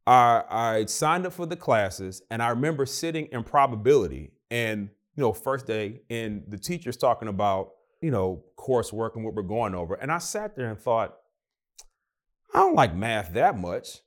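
Young guy chatting casually, lively up and down voice, acts out what everyone said. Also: mid-range voice, moderate pace. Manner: animated, acts out quoted voices. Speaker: guest. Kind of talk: casual storytelling.

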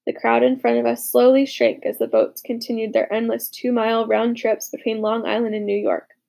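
A woman narrating a war story as a young soldier, with dramatic, hushed, urgent delivery in the dialogue. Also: a little high, animated, normal speed, gravelly. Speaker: narrator voicing a boy soldier. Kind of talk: audiobook narration.

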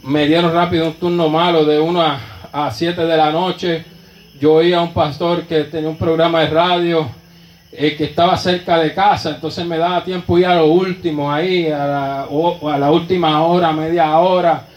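A fervent male preacher with a Puerto Rican Spanish accent tells his story from the pulpit, breaking into praise every few breaths. His voice sits high for a man. The sound rings around an echoey church room. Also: flat delivery, normal speed. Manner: fervent, with constant interjections of praise. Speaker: pastor. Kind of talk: sermon testimony.

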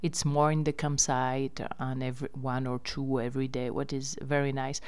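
Female host, deep clean tone, informal update delivery. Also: level tone, normal speed, a little mellow, clear, resonant tone. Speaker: host running a riverside lodge and campsite. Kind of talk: casual spoken news update.

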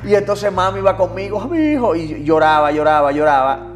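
A man's voice: fairly high pitch, fairly quick, soft background music. A man telling a personal story with great animation, acting out the voices of the people in it. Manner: lively, acts out voices in his anecdotes. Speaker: guest, TV producer.

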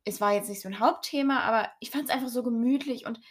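A young woman talking about her favorite books in a relaxed chat with a co-host. Her voice is a little higher than usual for a woman. She hesitates often and rambles, with plenty of fillers. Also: fast. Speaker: podcast co-host. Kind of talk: casual book chat.

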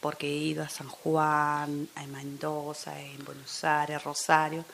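A woman guest, a teacher, talking through an interview in a thoughtful way and often dropping into soft near-whispers. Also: low voice, level tone, slow pace, vocal fry, a little hiss or hum. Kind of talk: casual interview chat.

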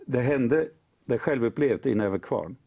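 A man recounting a personal faith testimony as a guest speaker, in an animated storytelling manner. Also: medium pitch, vocal fry, a crowd in the background. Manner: animated storyteller, lively rise and fall.

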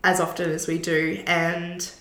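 A woman's voice: on the low side, monotone, unhurried, a bit bright. Australian woman in her twenties, echoey room. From country Australia. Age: late 20s. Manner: easygoing, informal. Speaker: podcast guest. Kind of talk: casual conversation.

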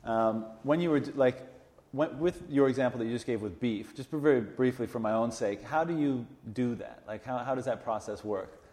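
A man's voice: medium pitch, moderate pace, a little mellow. Casual male interviewer in echoey room. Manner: casual, rambling questions. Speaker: interviewer host. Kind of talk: conversational interview.

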